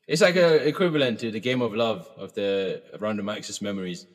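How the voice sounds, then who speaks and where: A podcast co-host with a lowish voice talks fairly quickly in a casual album review chat, and the sound has a big-room quality. He's laid-back, humming and singing snatches of songs along the way.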